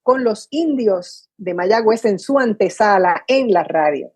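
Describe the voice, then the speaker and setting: Older Puerto Rican woman announcer, mellow and breathy, telling stories vividly over a video call. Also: mid-range voice, unhurried. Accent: Puerto Rican Spanish. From Puerto Rico. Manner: animated storyteller, acts out her own past dialogue. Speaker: radio announcer guest. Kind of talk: storytelling interview. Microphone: video call from home.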